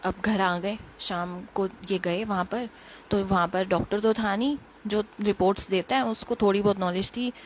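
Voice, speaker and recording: A woman with a Delhi accent telling an emotional personal story in quick, earnest casual speech, recorded on a phone. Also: mid-range voice, fairly even intonation, slight background noise. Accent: Delhi Hindi. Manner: earnest, emotional, quick retelling with quoted dialogue. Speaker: devotee sharing a testimony.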